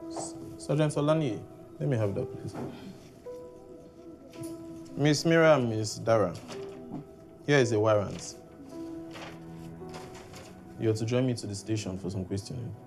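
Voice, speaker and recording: An actor playing a calm, firm male police detective, measured and authoritative. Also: fairly low pitch, creaky. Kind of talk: film drama acting. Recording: film audio with music bed.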